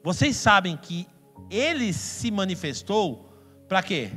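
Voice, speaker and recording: Lively Brazilian pastor in an echoing church. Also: male voice, high-pitched, slow pace, breathy edge. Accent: Brazilian Portuguese. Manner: emphatic and playful, with sudden loud outbursts and mock voices. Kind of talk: sermon. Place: church hall. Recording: long hall reverb with faint music.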